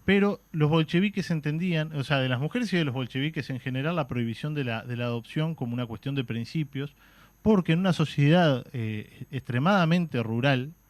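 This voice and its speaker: A man with a Uruguayan Spanish accent appears as a radio guest explaining history on a talk show. He speaks briskly in a fairly high voice, patiently explaining but often pausing on "este" and "eh" and restarting. The studio microphone picks up no room sound.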